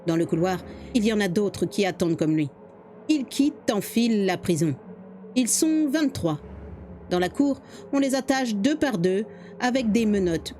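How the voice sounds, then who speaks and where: A woman telling a dramatic true story as scripted narration, with expressive delivery. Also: on the high side, a little hiss or hum.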